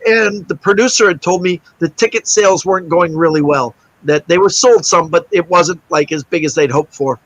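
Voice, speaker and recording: A man's voice: sits high, moderate pace, hardly any pauses, rough recording. A middle-aged man, a guest magician, telling a story in a casual interview and acting out the other people's lines. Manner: animated anecdote-teller, acts out quoted voices.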